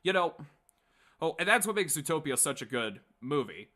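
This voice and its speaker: On a late-night pop culture commentary show, the male host has a voice on the high side with a sing-song lilt, a moderate pace and a pushed, bright quality. He chats informally with strong opinions, wandering in stop-start, emphatic fashion.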